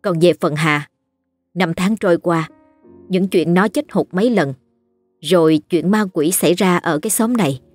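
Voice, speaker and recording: A narrator telling a ghost story in a steady, scripted way. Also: medium pitch, normal speed, no echo, soft background music.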